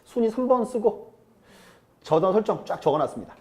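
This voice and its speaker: A real estate law lecturer's voice sits high and sounds a little mellow, expressive and a bit fast. He keeps his class chatty, asking students questions and acting out quotes.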